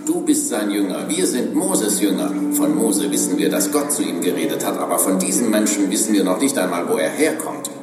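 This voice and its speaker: A man's voice: on the low side, lively intonation, a little fast, few pauses, very noisy, voice pushed up, lightly acted. A man voicing hostile religious leaders who question and accuse in a demanding way, in a distant, roomy recording with music. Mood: angry. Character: group of stern, hostile male religious leaders.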